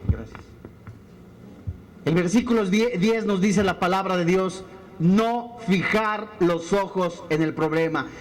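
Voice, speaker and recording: A male pastor with a strikingly high voice, preaching with fire. He drives his sermon along with pointed rhetorical questions. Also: slow, long pauses.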